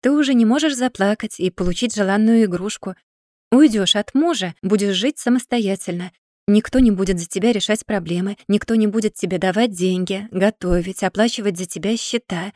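A woman's voice: medium pitch, fairly quick, darkish tone, no room sound, studio quality, lightly acted. Woman reading as a stern lecturing older brother. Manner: firm, lecturing. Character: stern, patient older brother, young man.

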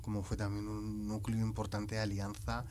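A man from interviewing a writer, asking questions with many hesitant pauses. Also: fairly low pitch, monotone, a little mellow, slight background noise. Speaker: radio interviewer.

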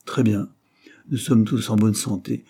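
A man's voice: lowish voice, unhurried, vocal fry, breathy edge, heavily acted. A man playing a weary, wry family father. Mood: calm. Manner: calm, gently wry. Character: tired, patient middle-aged tutor and father, dry humor.

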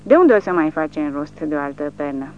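A woman's voice: sits low, animated, muffled recording, a little hiss or hum. A reader voicing a weary village wife who pleads with and scolds her drunk husband in an audiobook. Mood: upset. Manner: pleading and crying out.

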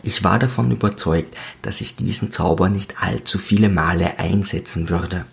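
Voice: sits low, normal speed, creaky. A narrator telling a fantasy audio story in first person, voicing the main character in a dry, sarcastic way.

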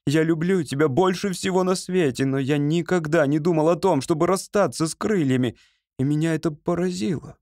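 A man's voice: a little high, brisk, a little mellow, no echo, clean studio sound, pitched above the performer's own voice, lightly acted. A man voicing a passionate young winged man in an audiobook reading, speaking ardently. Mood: gentle. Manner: ardent, impassioned.

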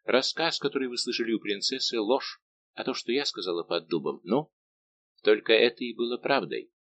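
A man's voice: medium pitch, expressive, normal speed, fairly bright tone, lo-fi sound. A man voicing a young woman in love, pleading and impassioned, in an audiobook reading with a faint hum behind.

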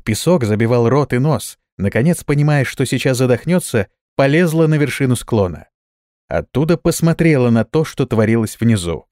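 Guy reading a fantasy audiobook, expressive, very dry sound. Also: medium pitch, normal speed, no room sound. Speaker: narrator. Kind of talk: audiobook narration.

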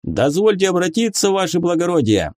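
A man's voice: sits high, sing-song, brisk, a little mellow, dry recording, clean studio sound, voice pushed up. A folksy, eager rustic corporal in a storybook, as a male reader plays him.

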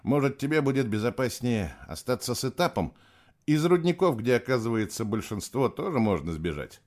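A calm, cunning young male prisoner, voiced by a male audiobook reader. He speaks steadily and seriously, with a lively rise and fall in his pitch. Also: brisk, natural voice. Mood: quiet, serious. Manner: steady, low-voiced, then urgent commands. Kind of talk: audiobook character voice.

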